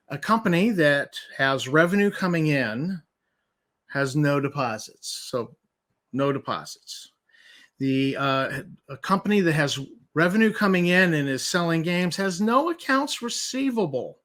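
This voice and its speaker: A man with a moderately high-pitched voice talks through a document in an informal commentary style. He stresses and repeats key points. His tone is skeptical and incredulous. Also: animated, a little slow, a bit bright. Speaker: commentator host.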